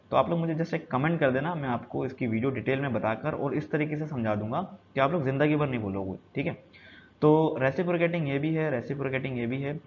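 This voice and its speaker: A man teaching a technical lesson from slides, explaining slowly and repeating key points, switching between Hindi and English terms. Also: medium pitch. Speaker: HVAC instructor. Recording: dull lo-fi sound with faint noise.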